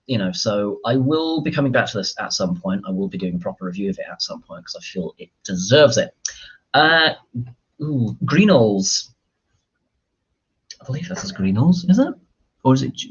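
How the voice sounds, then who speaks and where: A man's voice: medium pitch, fairly bright tone, husky, highs cut off. A man hosting a casual live stream as a gin reviewer, rambling and hesitant with fillers and the odd swear word. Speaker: gin reviewer, channel host.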